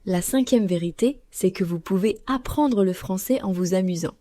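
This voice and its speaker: A woman co-hosting a learners' podcast, speaking clearly and slowly like a teacher. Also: medium pitch, warm tone, no echo. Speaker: podcast co-host. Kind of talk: scripted podcast dialogue for learners.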